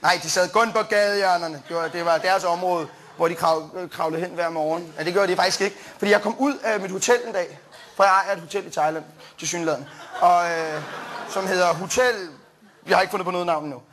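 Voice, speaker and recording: A young man doing stand-up, telling a rambling story with plenty of fillers, restarts and quick jumps into quoted voices. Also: high voice, steady tone, a bit bright. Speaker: stand-up comedian. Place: comedy stage before a live audience.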